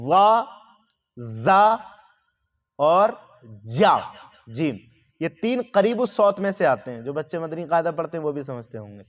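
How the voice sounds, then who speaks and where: A man with a notably high voice gives a religious lesson. He talks straight to his listeners, patiently repeating each step and sounding out letters one by one. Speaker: religious teacher. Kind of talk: religious instruction talk.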